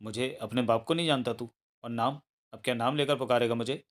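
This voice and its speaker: A man's voice: medium pitch, fairly even intonation, a little fast, lightly acted. A man voicing a worried middle-aged father who grumbles and rambles at his son, in a read-aloud novel. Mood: gruff worried.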